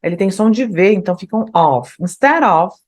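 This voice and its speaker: A woman's voice: medium pitch, mellow. Brazilian female English teacher, patient and explanatory, mid-range voice. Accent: Brazilian Portuguese. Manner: explanatory, tags phrases with "né?"; slows down to read lyrics aloud. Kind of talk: online language lesson.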